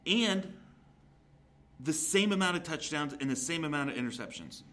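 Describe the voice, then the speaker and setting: A man's voice: fairly high pitch, expressive, normal speed, pushed and bright, slight background noise. A man co-hosting a sports podcast in casual banter, arguing his points with statistics.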